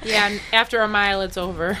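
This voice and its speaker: A woman's voice: medium pitch, steady tone, fast, loud music behind the voice, low-quality recording. A woman on a casual podcast, explaining things matter-of-factly.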